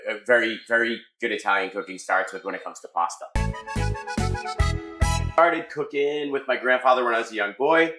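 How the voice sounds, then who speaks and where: A middle-aged American man, a chef, explaining his cooking in a casual, halting conversational way. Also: mid-range voice, pushed and bright, soft background music. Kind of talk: casual cooking demonstration and chat. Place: restaurant kitchen. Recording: echoey kitchen room sound.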